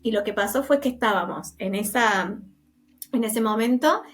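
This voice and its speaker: A woman with an Argentine accent tells stories in a relaxed interview, with a voice that sits a little high. She talks animatedly, slips into the voices of the people she quotes, and laughs easily along the way. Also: normal speed. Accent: Argentine Spanish. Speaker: guest medium. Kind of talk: casual interview storytelling.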